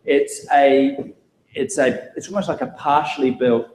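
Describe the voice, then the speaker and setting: A man's voice: medium pitch, a little slow, a little mellow. A man hosting a live event with an audience, jokey and rambling with frequent restarts. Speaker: host. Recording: echoey room, faint noise.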